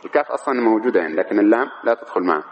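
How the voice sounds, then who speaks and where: A man's voice: lowish voice, animated. A man teaching an Arabic grammar lesson who asks the class questions and answers them himself, often checking that they follow. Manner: keeps checking understanding; slow, measured reading of the text. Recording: dull lo-fi recording with faint noise.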